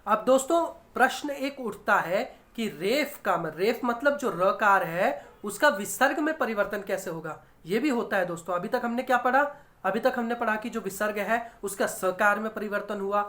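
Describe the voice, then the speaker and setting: A woman with a mid-range voice teaches a grammar lesson to her viewers. She walks through each rule slowly, often posing a question and then answering it herself. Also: medium pitch, fairly bright tone. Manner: explains step by step, asks and answers her own questions; addresses viewers as friends, often says okay.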